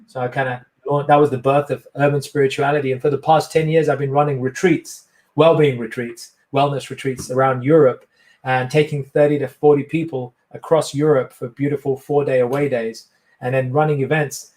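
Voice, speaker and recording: A man's voice: mid-range voice, flat delivery, normal speed, darkish tone. A middle-aged man, a coach giving an interview and telling his story in a rambling, enthusiastic way. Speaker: guest, coach. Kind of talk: casual interview talk.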